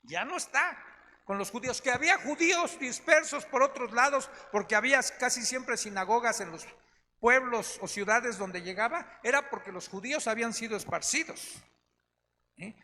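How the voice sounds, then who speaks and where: Animated and forceful, a man with a very high-pitched, bright voice leads a Bible study at normal speed. As the pastor, he keeps it chatty and checks on listeners with "¿no?" and "¿sí?", all in an echoey church meeting hall with faint noise.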